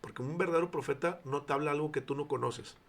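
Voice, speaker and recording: A church founder in his forties with a Mexican Spanish accent shares his faith testimony as an interview guest, speaking fast in a fairly high, somewhat bright voice. A storyteller, he acts out dialogue and sometimes drops to near whispers.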